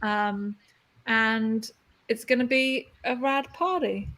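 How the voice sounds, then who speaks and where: A woman co-hosting a casual live stream chat, telling stories in a chatty way with quick asides. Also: fairly high pitch, a bit bright. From not from the city where she lives. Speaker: magazine co-founder and live stream host.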